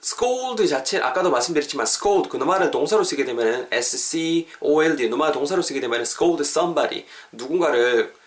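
Lively English-teacher host. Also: male voice, a little high. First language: Korean. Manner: lively, drills English phrases slowly, repeats words. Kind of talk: casual podcast lesson.

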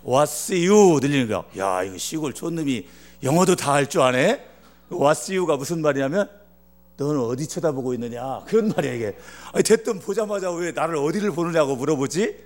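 A man's voice: a little high, expressive, a little fast. A man from Chungcheong preaching as a guest pastor, telling a funny story and acting out its dialogue. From Chungcheong, Korea. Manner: jokey, acts out dialogue in dialect. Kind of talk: humorous sermon storytelling.

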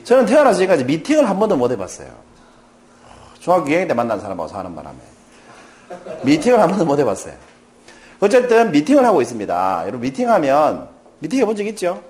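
A man's voice: fairly high pitch, wildly swooping pitch, fast, long pauses, a little mellow, slight background noise. A middle-aged man giving a lecture, playful and joking as he quizzes his audience. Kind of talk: lively lecture with audience questions.

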